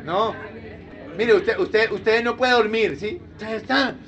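A man pastor preaching a sermon in a lively, humorous way, full of rhetorical questions. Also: sits high, slow, muffled recording, a crowd in the background.

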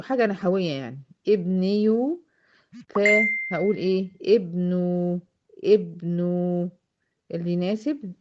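A woman with an Egyptian accent teaching a tajweed lesson, often asking her students questions and slowly drawing out example words. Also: on the low side, muffled recording. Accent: Egyptian Arabic. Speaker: Quran recitation teacher. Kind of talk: tajweed lesson explaining grammar.

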